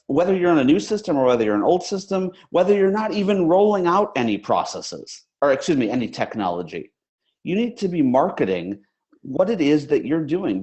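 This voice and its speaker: Energetic man hosting a live webinar. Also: fairly high pitch. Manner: energetic, animated, conversational. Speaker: webinar host.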